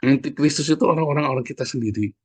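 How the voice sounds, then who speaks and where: A man delivering a sermon in a relaxed, talky style. His voice is somewhat husky, and it is recorded close and dry with no room sound. He keeps calling on his listeners directly as he exhorts them. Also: medium pitch, very fast, no echo. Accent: Indonesian. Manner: conversational preaching, addresses listeners as "saudara". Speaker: pastor.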